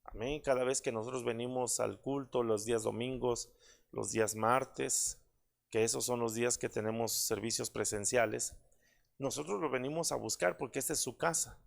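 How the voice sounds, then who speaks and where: A man's voice: medium pitch, steady tone, moderate pace, gravelly. A man, a pastor, preaching a prayer-service sermon in an earnest manner with many fillers and repeated calls to his listeners.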